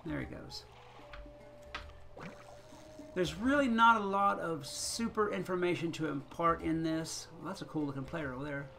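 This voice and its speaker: A man's voice: a little high, a little fast, creaky, sharp tone, slight background noise. A man giving casual, chatty commentary on his own gameplay, thinking aloud and chuckling often as he plays. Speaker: gaming channel host.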